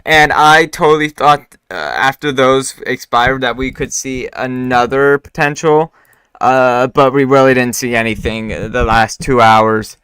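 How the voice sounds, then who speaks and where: A man hosts a live weather forecast stream, talking casually with lots of fillers and restarts while his voice is still recovering from having been lost. His mid-range voice is unhurried, a bit bright, clear, and resonant. The recording is dry.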